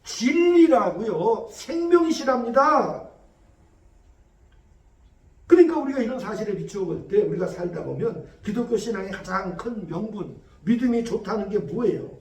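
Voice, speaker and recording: A male pastor preaching a Sunday sermon, acting out dialogue in a lively way. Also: high voice, fairly quick, few pauses. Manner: lively preaching, acting out God's lines to Job. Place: church sanctuary. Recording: echoey hall from far off.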